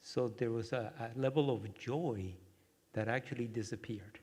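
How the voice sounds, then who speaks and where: Pausing often, a man from Cuba speaks in a gentle, reflective way as he delivers a workshop talk and leads a brief meditation. His pitch is medium, and a long hall reverb hangs over the audio.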